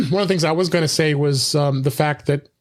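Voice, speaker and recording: A man's voice: on the high side, brisk. A man hosting a casual tech podcast, rambling with many fillers and restarts. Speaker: podcast host.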